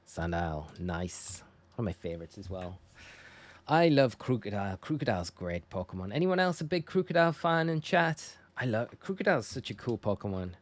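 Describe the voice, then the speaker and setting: Very animated and speaking at a moderate pace, this man has a lowish voice and a northern English accent from northeast England. He's a live game streamer, chatting casually and informally to viewers as he plays.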